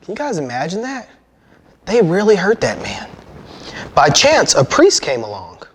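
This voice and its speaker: A man's voice: sits high, huge pitch swings, normal speed, a little hiss or hum. An American man in his thirties teaching a children's Bible lesson, explaining things simply and in a friendly way as he talks and reads. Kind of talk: children's lesson with storybook reading. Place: indoors before a painted backdrop.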